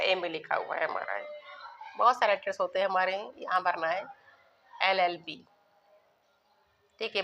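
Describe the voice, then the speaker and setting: A woman's voice: medium pitch, a bit bright. A woman teacher giving a grammar lesson, repeating key words and asking her students questions that she then answers herself. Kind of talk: classroom grammar lesson in Hindi, with English terms.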